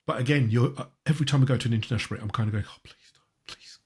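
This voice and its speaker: Husky and a little mellow, this mid-range voice belongs to a man hosting a football podcast. His talk is casual and conversational, with a halting habit of repeating words.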